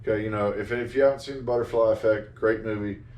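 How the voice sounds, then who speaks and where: A man chatting casually about a movie he reviews, sarcastic and fond of flat mock voices. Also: on the low side, fast, a little hiss or hum. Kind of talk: casual chat. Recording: echoey room, mic far off.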